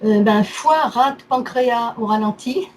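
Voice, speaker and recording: In a low-quality recording with faint background noise, a woman with a fairly high voice speaks a little slowly. She's a client in an informal consultation, going through her health troubles one item at a time in terse phrases.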